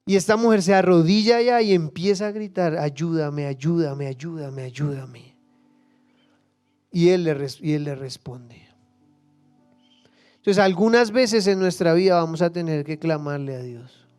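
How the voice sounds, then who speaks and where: A male pastor preaching a sermon with passion, dropping to hushed asides and then rising to loud, acted-out cries. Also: high voice, moderate pace, long pauses, clear, resonant tone, faint music behind. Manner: acts out biblical figures and prayers in quoted voices.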